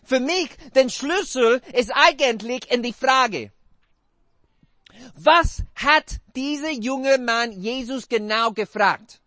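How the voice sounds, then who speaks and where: Male preacher, very high voice, dry close sound, halting non-native German, interactive sermon. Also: animated, sharp tone, no room sound.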